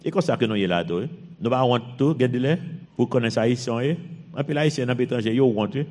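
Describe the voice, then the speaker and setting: A man's voice: fast talker, darkish tone. A man from Haiti with a Haitian French accent, preaching a sermon and reading scripture, his voice rising and dropping sharply in force. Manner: fervent, rises and drops sharply in pitch and force. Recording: long hall reverb.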